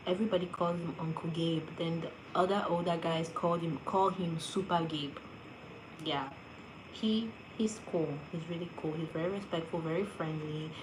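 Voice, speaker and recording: A young woman, an actress, answers fan questions in a casual vlog, telling her stories in a chatty, animated way full of "like" fillers. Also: fairly low pitch, noisy background.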